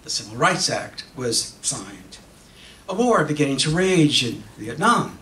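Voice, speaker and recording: A middle-aged man of medium pitch stands at a podium on a theater stage, reading a dramatic monologue from a script and switching between English and Spanish. He uses a stand microphone and delivers the lines with emphasis, expression, and deliberate pauses. The recording is from a distance in an echoey hall, with faint noise.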